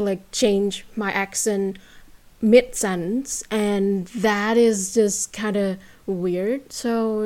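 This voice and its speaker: This young Vietnamese woman speaks with a Vietnamese accent as a guest in a casual interview. Her mellow, mid-range voice comes out hesitantly, full of fillers and restarts.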